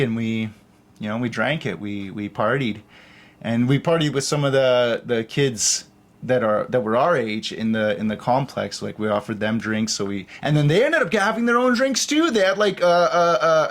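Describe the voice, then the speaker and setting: A man's voice: a little high, a bit bright. A young man from Canada telling a story in a casual, rambling way, full of fillers and acted-out quotes. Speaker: podcast host.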